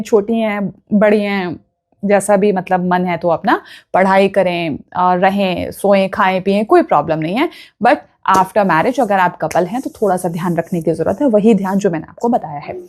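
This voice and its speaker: A woman speaks in as a vastu consultant, talking straight to her viewers in an earnest, instructive way. Her voice sits at a middling pitch. She keeps checking in that listeners are following her points. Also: darkish tone. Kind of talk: direct-to-camera advice talk.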